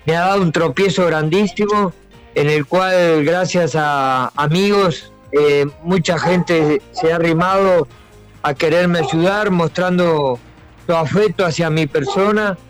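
Clear-voiced man speaking haltingly. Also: a little high, faint music behind, rough recording. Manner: halting, repeats himself. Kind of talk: halting personal account.

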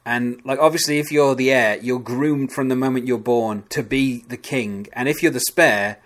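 A man's voice: mid-range voice, moderate pace. A man co-hosting a podcast, chatting casually and hesitantly, full of "kind of" and restarts. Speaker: podcast co-host. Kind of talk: casual chat.

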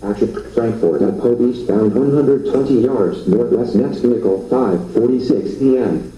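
A synthetic male screen-reader voice playing from a phone speaker held away from the mic, reading out buttons and labels in clipped, flat bursts. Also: medium pitch, moderate pace, slight background noise. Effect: synthetic screen-reader voice played from a phone speaker held away from the mic. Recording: roomy, dull phone speaker sound.

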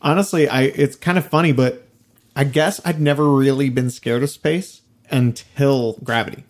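A man's voice: mid-range voice, normal speed. A young man co-hosting a podcast, talking casually and rambling with lots of fillers and swearing. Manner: rambling, profane, many fillers. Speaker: podcast co-host. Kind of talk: casual chat.

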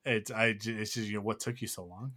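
Male podcast host, low-ish voice, rambling and heartfelt. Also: normal speed, pushed and bright, husky. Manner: rambling, emotional, many fillers and restarts. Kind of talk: casual podcast chat.

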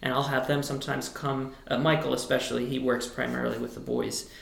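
Talking a little fast in a level tone, a choir director, a tenor, offers thoughtful, rambling interview answers full of restarts. His high tenor speaking voice carries vocal fry, and the recording sounds roomy in this relaxed conversation.

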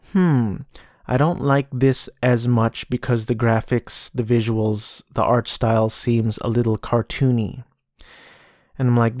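A man talks casually on a solo podcast in a mid-pitched, dry, close voice. His delivery is flat and subdued, with noticeable vocal fry. He often hesitates and repeats words as he searches for what to say. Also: no echo. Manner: monotone, low-energy delivery. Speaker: podcast host. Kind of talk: casual solo podcast talk about video games.

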